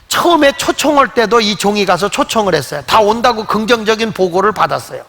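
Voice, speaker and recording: Older man pastor, high gravelly voice, lively storytelling sermon in a reverberant church. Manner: animated storytelling, acts out quoted voices. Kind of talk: Sunday sermon. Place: church sanctuary. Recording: long hall reverb.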